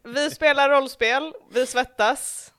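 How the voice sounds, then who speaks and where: A woman's voice: high voice, fairly even intonation, fairly bright tone, no echo. Giggly woman host opening a podcast. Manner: laughs often, mixes in English words. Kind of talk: casual podcast intro.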